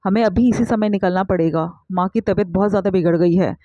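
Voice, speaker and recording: A woman voicing a calm, firm young husband, speaking in measured terms on a dull lo-fi recording. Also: medium pitch, dry recording, natural voice. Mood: urgent.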